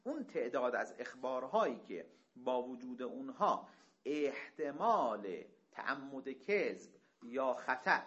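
A male teacher lectures with a bright, forward voice that swings widely in pitch. He reads passages slowly, then explains them in a conversational way and poses rhetorical questions. The recording is somewhat dull and lo-fi.

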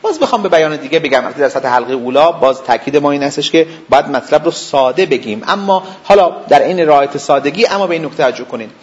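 A man lectures as a seminary teacher, his fairly high voice rising and falling with lively emphasis. He explains step by step, repeats his key points and keeps asking whether his students follow. The recording sounds muffled and lo-fi. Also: few pauses. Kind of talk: didactic lecture.

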